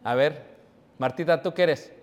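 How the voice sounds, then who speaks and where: A preacher with a high voice delivers a sermon in a hall with a long echo. He teases members of his congregation by name. When he reads scripture, he slows down and raises his voice. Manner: reads scripture slowly and loudly. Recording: echoey hall.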